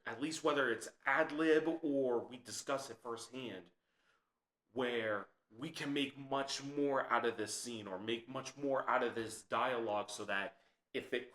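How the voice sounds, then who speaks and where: A man's voice: medium pitch, a bit bright, echoey room. A young man, a podcast guest, chatting casually about making a film. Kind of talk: casual chat.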